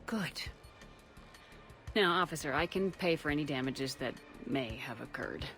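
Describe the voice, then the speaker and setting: A female military commander from a video game, with a low, controlled voice. She is concise and dry-witted, with a resolute core. Music plays clearly behind her. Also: expressive, a little slow, fairly bright tone, exaggerated voice. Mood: dryly amused. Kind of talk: video game character dialogue.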